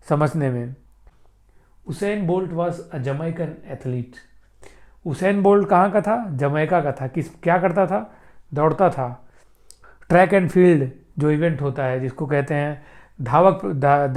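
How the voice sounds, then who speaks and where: Male tutor, slightly higher voice, teaching grammar by reading English examples slowly and answering his own questions. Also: a little mellow. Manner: explains by repeating himself, asking questions and answering them; reads English example sentences slowly and deliberately. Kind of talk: Hindi-language grammar lesson.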